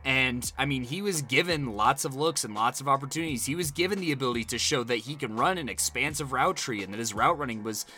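Bright-voiced American male sports analyst. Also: mid-range voice, animated, fast talker, hardly any pauses.

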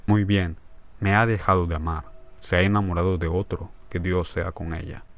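A man's voice: low voice, steady tone, moderate pace. A man reading the part of a grieving, betrayed husband who pleads tearfully and with vehemence. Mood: tearful pleading.

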